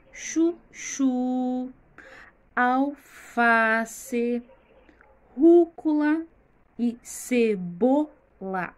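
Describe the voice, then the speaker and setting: A woman with a fairly high, darkish voice and a Brazilian Portuguese accent is a primary school teacher giving a recorded remote lesson. She patiently stretches out words, spelling them out slowly, and speaks straight to the children.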